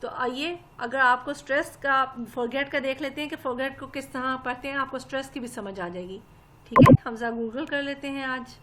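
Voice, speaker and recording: High-voiced woman teaching English grammar. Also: brisk, fairly bright tone, a little hiss or hum. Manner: patient, explains step by step and addresses listeners as "janab". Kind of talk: spoken grammar lesson.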